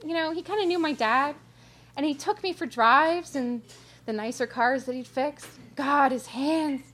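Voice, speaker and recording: A woman's voice: high-pitched, a little slow. A woman voicing a brash, lonely middle-aged woman who talks bluntly and animatedly. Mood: wistful. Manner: animated, blunt, rising and loud.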